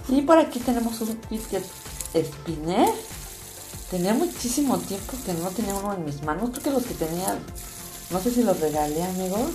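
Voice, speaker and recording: Female toy-unboxing host, mid-range voice, excitable and chatty, addressing kids, over clear background music. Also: medium pitch. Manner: excitable, exclamatory, expressive. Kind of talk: casual unboxing chat addressed to young viewers. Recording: music playing behind, packaging crinkles. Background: music, crumpling and crinkling of packaging.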